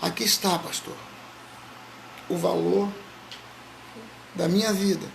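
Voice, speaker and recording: Preacher doing a poor old devout woman, hushed and gravelly. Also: sits high, steady tone, slow pace, a little hiss or hum, pitched below the performer's own voice, exaggerated voice. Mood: humble, quiet.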